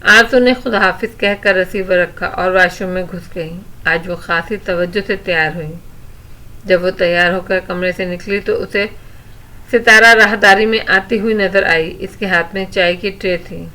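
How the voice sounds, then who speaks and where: A woman narrating a romantic novel in an audiobook, smooth and expressive. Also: on the low side.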